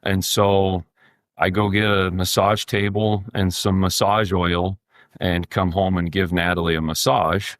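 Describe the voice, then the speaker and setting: A man in his forties, a podcast guest, speaking in a measured and deliberate way. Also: sits low, level tone, no echo, studio quality. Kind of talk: casual interview.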